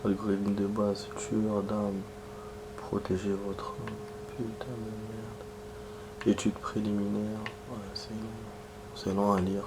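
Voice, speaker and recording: Against a noisy background, a man who has a cold streams a game slowly, reading its text aloud and chatting casually. He speaks in a low, flat, gravelly way, muttering asides and clearing his throat.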